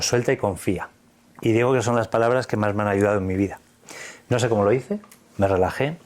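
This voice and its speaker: A man from Spain, speaking with a Spanish accent as an interview guest, earnestly recounts a personal experience in vivid detail and quotes the dialogue. His voice is on the low side and a little mellow.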